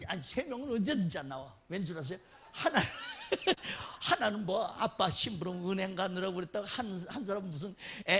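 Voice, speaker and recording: A man preaching a sermon as a guest pastor, animated and often laughing as he tells stories. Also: gravelly, slightly rough. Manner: animated, laughing, dramatic swings in pitch.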